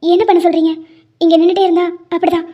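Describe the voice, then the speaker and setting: A woman's voice: very high-pitched, level tone, quick pace. A woman voicing a hurt, tearful young wife. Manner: wounded, pleading, quietly bitter. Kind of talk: animated drama voice acting. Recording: dull lo-fi sound.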